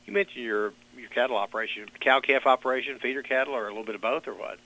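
A man's voice: mid-range voice, fast talker, bright, forceful tone, low-quality recording. A man, asking conversational questions as a radio interviewer.

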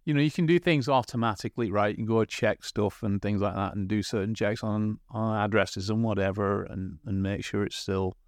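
A man's voice: on the low side, fairly quick, hardly any pauses, no echo, clean studio sound. A man from England, a former co-host back as a guest, chatting casually on a podcast in a rambling, stop-start way. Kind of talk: casual chat.

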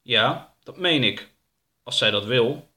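A man's voice: mid-range voice, animated, takes it slowly, bright, forceful tone. A man voicing a dry-witted, blunt male duck in a storybook reading.

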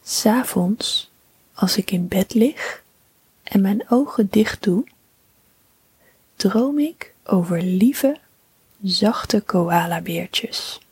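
Slow, whispering woman telling a bedtime story. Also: mid-range voice, slightly rough, no echo. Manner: slow, soothing, calm.

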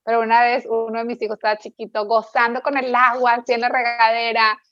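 A woman's voice: fairly high pitch, level tone, fast, fairly bright tone, no room sound, highs cut off. A woman with a Mexican Spanish accent, reflecting and telling a family story in casual conversation.

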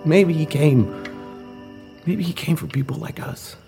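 A blunt, stubborn shepherd. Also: male voice, a little high, measured pace, vocal fry, warm tone, soft background music. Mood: earnest. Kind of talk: comedic church skit.

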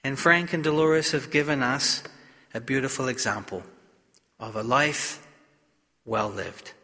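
A man speaking as a priest at a funeral, solemn and measured, in short deliberate phrases, with the cathedral-like echo of a large church. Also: mid-range voice, bright, forceful tone. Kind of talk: solemn gospel reading and funeral homily.

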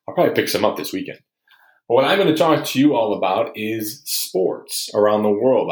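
Chatty low-voiced male podcast host. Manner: chatty, informal. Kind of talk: casual podcast intro. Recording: roomy echoey recording.

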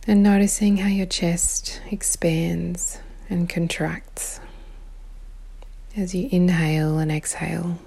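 A woman guiding a meditation in a calm, soothing way, with long pauses and a soft, breathy, partly whispery voice. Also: lowish voice. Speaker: meditation guide. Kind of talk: guided meditation.

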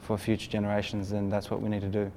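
Twenty-five-year-old Australian man, low monotone, hesitant, panel guest, slight noise behind. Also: fast talker. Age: 20s. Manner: hesitant, many fillers. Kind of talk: casual discussion.

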